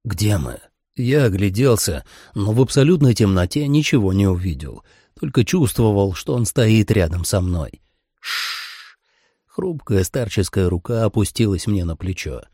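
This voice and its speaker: A man's voice: fairly low pitch, animated, moderate pace, warm tone, slightly rough, no echo. A man reading a first-person audiobook with a dry, wry telling. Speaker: audiobook narrator.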